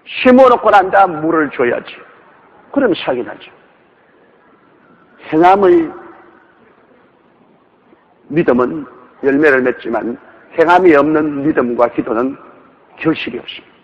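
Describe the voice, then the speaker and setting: A man's voice: on the high side, animated, unhurried, long pauses. A male pastor preaching a sermon emphatically, with many rhetorical questions, in a dull, reverberant recording.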